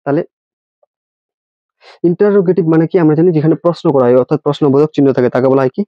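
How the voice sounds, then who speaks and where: Racing along in a voice on the high side, a man runs a classroom-style English grammar lesson with no echo. He spells each word letter by letter and asks his students rhetorical questions, all in a dry, dull lo-fi recording.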